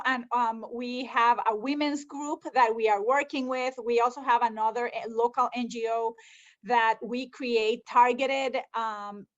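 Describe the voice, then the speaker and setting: A woman's voice: a little high, fairly bright tone, dull audio. A woman from Rica, a conservation scientist answering interview questions earnestly, with frequent ums. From Costa Rica.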